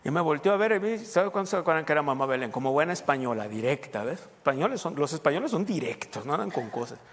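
A preacher with a somewhat high voice tells a story from the pulpit, acting out dialogue. His voice rings with the long reverb of a church hall. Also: quick pace. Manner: animated storyteller, acts out dialogue. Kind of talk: sermon with storytelling.

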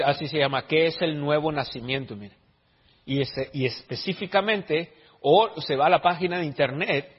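Husky preacher in a reverberant church. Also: male voice, medium pitch. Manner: many restarts and stammers, rising to emphatic preaching. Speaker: pastor. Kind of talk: sermon. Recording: dull lo-fi sound with long hall reverb.

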